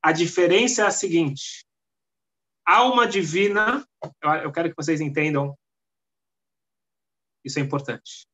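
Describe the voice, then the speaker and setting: Brazilian man, religious teacher, somewhat high-pitched, emphatic storyteller, muffled low-fi recording. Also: fairly bright tone. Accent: Brazilian Portuguese. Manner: emphatic storyteller, frequent restarts and pauses. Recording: dull lo-fi recording.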